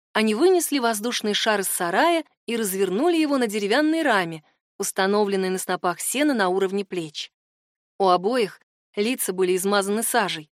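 A woman narrating an audiobook in a measured, even storytelling voice. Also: medium pitch, no room sound, studio quality. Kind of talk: scripted narration.

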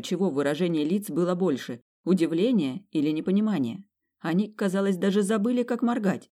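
A woman reads an audiobook aloud, telling a story in the first person. Her storytelling is wry and lively. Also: deep voice. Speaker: audiobook reader. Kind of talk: first-person narration of a fantasy romance.

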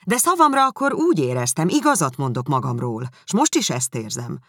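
A woman reading aloud, voicing a good-humoured, easygoing young gentleman who pokes fun at himself. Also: low-pitched, sing-song, no echo, studio quality, exaggerated voice. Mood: genial. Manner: good-humoured, quick, self-mocking.

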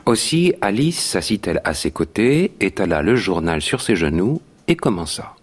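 A man narrating a children's story in a radio drama, with an even storytelling delivery. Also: lowish voice, moderate pace, slightly rough.

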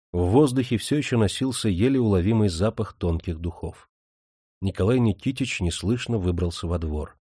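Low, mellow male audiobook narrator. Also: breathy edge, no echo, studio quality. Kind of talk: scripted narration.

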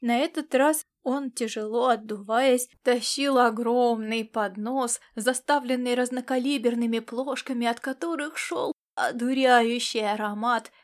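A woman narrating a science fiction adventure audiobook in a lively storytelling manner. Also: a little high, unhurried.

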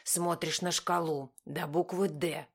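A woman voicing a calm middle-aged man who gives patient, then firm, driving instructions. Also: on the low side, a little slow, breathy edge. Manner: steady, instructive, commanding.

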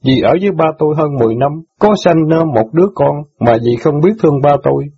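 A man's voice: on the high side, animated, fast talker, vocal fry, crowd noise, voice pushed up. A man voicing a bitter, defiant teenage boy. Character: sulky angry teenage boy, resentful stepson. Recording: dull lo-fi audiobook recording.

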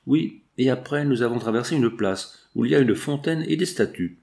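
A man's voice: mid-range voice, expressive, normal speed, creaky, a little mellow. A man reading the part of a young boy who talks earnestly and directly.

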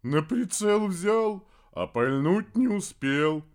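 A man voicing a boastful father creature with a rifle in a storybook reading, talking loudly and slowly. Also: expressive, full character voice. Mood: bragging. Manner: eager bragging, squeaks when scared.

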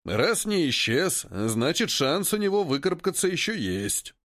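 A stocky old cart driver, as a story reader plays him, calm and wry as he explains things. His voice moves with lively intonation, recorded close and dry. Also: a little high, measured pace, no echo. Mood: steady. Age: older.

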